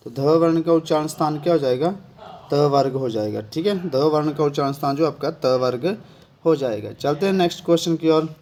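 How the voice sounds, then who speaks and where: A man with a Himachali Hindi accent and a slightly high, slightly mellow voice teaches an exam-prep grammar lesson at a brisk pace. He poses questions to himself and checks in with "thik hai" after nearly every point.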